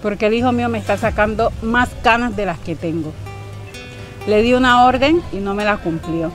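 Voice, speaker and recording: A woman's voice: mid-range voice, moderate pace, natural voice. An actress with a Colombian Pacific coast accent playing an older mother who is suspicious and confrontational, firing questions, in a web drama, with faint music under the voice. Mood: worried. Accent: Colombian Pacific coast Spanish. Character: older woman, anxious and distrustful mother.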